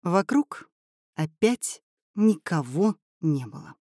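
Woman, audiobook narrator, expressive, lively pitch, mellow voice, dry close sound. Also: slow pace, no echo. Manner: expressive, storytelling intonation.

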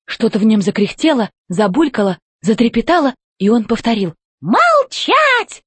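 A woman narrating a children's story aloud in an expressive storybook reading. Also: a little high, a little fast, breathy edge, no echo. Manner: expressive, voices every character.

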